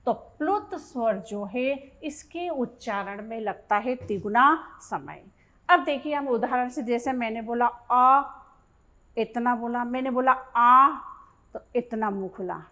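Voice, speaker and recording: A woman with a fairly high voice teaches a grammar lesson at an unhurried pace. She reads each question aloud, repeats it, and walks through the answer step by step, like a patient exam-prep tutor. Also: expressive, fairly bright tone. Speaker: Hindi teacher.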